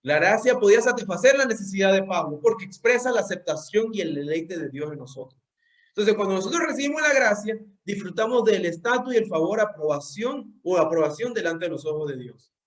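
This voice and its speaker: A man's voice: high-pitched, lively intonation, a little fast. A young man preaching a sermon, earnest and direct, often repeating words as he searches for the phrasing. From Venezuela. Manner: speaks directly to listeners as "usted".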